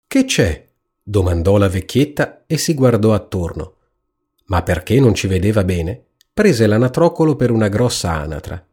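A man reading a fairy tale aloud in a calm, measured storytelling manner. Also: fairly low pitch, slightly rough. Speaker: narrator.

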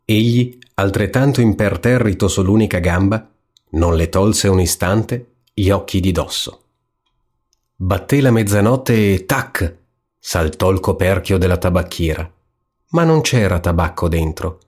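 Low-voiced man reading a fairy tale. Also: unhurried, a little mellow, slightly rough. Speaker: narrator.

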